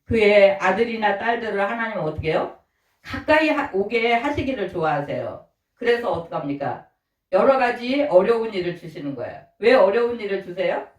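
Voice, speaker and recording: Man preaching from far off in a roomy church. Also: very high voice. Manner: keeps asking the congregation rhetorical questions. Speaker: pastor. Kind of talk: sermon. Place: church sanctuary. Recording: roomy, distant, dull-sounding church recording.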